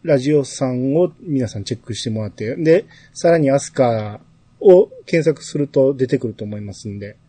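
A man's voice: mid-range voice, animated, moderate pace, dark tone, slightly rough, no room sound. A man chatting casually as the host of a podcast. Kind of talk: casual chat.

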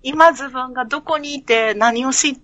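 A woman's voice: high voice, normal speed, fairly bright tone, no room sound, dull audio. A woman in a casual chat about a video game, giggling often and hesitating as she recalls things.

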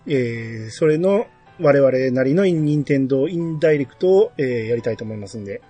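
A man's voice: mid-range voice, animated, moderate pace, mellow, slightly rough, faint music behind. A man chatting casually as the host of a podcast. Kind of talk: casual chat.

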